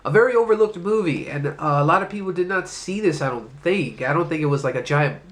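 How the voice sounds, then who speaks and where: A man with a slightly high, congested voice hosts his own movie review video, clearly sick and coughing now and then. He rambles loosely and swears casually.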